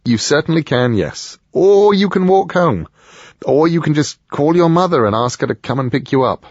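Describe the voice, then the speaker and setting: Man voicing a polite, chatty upper-class gentleman, slightly raised voice, husky tone, lively pitch. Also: normal speed, dry recording, highs cut off. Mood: coaxing. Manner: chatty, hesitant fillers, genteel phrasing. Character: amiable posh middle-aged Englishman, smooth and ingratiating.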